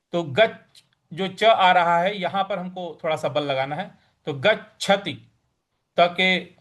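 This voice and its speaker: A man's voice: sits high, fairly bright tone. A man teaching scripture recitation, drilling pronunciation syllable by syllable and chanting verses in a melodic sing-song. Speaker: Gita teacher. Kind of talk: recitation lesson.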